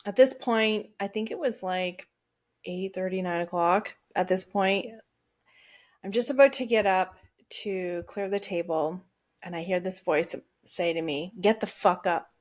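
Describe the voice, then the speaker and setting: Woman podcaster telling a story, lively, swears a lot, keeps checking in with the listener. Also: fairly low pitch, measured pace. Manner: animated, swears freely, acts out her own reactions. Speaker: podcast host. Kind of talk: casual storytelling.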